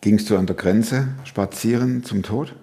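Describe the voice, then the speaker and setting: A man's voice: lowish voice, a little slow, warm tone. A man hosting a podcast, chiming in with short follow-up questions in a casual interview.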